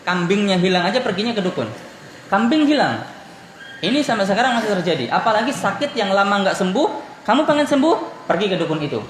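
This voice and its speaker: High-voiced male Islamic teacher in echoey room. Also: lively intonation, fast. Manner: asks the audience questions and answers them himself; anecdotal with light laughter. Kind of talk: religious study lesson. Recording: echoey room with faint background noise.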